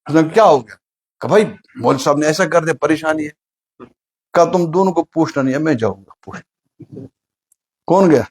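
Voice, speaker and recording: A man's voice: on the high side, husky. A man giving a sermon, telling a funny story and asking the listeners questions. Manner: asks the audience questions, acts out story characters. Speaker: Islamic preacher.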